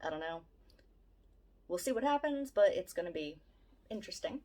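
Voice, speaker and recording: A woman's voice: on the low side, lively intonation, moderate pace, a little mellow. A woman about to turn fifty with a Philadelphia-area accent, chatting casually to camera in a rambling, self-deprecating way. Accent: Philadelphia-area American. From Southeast Pennsylvania, USA. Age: late 40s, turning fifty. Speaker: vlogger.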